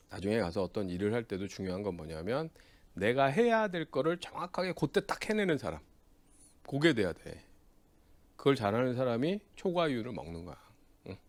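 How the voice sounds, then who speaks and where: A man lectures to exam students in a blunt, teasing way, often ending a point with a questioning "eh?". His pitch swings widely when he acts out snatches of conversation in his anecdotes. The sound is dry and close, with no room around it. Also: no echo. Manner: tags sentences with a questioning "eh?"; acts out quoted dialogue in lively voices.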